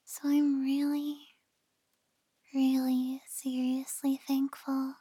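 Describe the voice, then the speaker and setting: A woman playing a tender, reassuring partner in an ASMR role-play, speaking gently and close in the listener's ear as if lulling a loved one to sleep. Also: high-pitched, dry recording. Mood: soothing, reassuring. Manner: slow, gentle, soothing.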